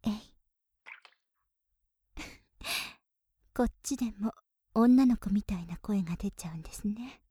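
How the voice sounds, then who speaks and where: A young woman voicing a polite, playful maid who teases her young master, with soft giggles and whispered passages, recorded on a close microphone. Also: medium pitch, extremely slow, pauses often, no room sound, full character voice. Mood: teasing. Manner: polite, softly teasing, with breathy giggles. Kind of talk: whispered role-play.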